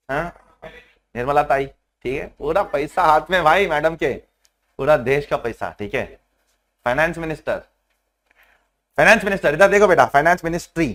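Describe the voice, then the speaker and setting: High-voiced man lecturing on tax law. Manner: animated, keeps prodding students to answer; mixes Hindi with English terms. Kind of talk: classroom lecture. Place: classroom with online students joining.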